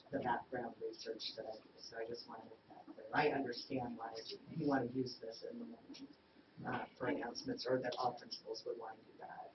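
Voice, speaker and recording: A woman board member making her point at a school board meeting, firm, insistent and defensive. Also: extremely low pitch. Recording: echoey, dull sound from a distant mic with noise.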